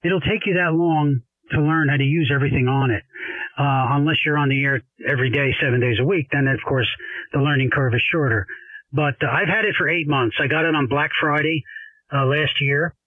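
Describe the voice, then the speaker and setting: This man's husky, slightly high voice stays steady and moves a little fast as he rambles enthusiastically and folksily on ham radio as an amateur operator. The dry recording, made through a desk radio mic, carries the narrow, phone-like sound of shortwave.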